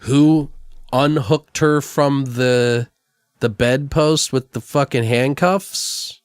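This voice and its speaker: A man's voice: mid-range voice, slow, clean tone, dry recording, studio quality. A man co-hosting a podcast, chatting loosely about a film and swearing freely. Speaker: podcast co-host. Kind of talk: casual film review chat.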